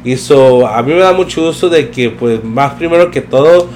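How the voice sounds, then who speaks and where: A man's voice: mid-range voice, moderate pace, slight background noise. Slangy man chatting. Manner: relaxed and slangy, mixing in English phrases, many fillers. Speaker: podcast guest telling his career story. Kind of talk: casual storytelling chat.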